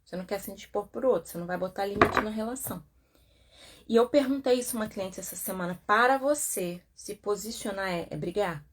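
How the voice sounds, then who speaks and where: A woman's voice: mid-range voice, fast, slight background noise. A Brazilian woman therapist comments on a self-help book in a chatty way, with frequent tag questions and acted-out quotes. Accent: Brazilian Portuguese.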